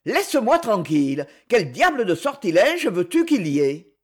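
A man's voice: sits high, big pitch swings, moderate pace. A man voicing a fearful, grumbling old male chiseler, exasperated in a storybook reading. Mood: disbelieving.

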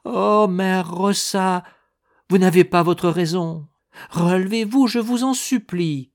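A man's voice: high-pitched, slow pace, voice pushed up. A man voicing a pleading young woman. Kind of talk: storybook reading.

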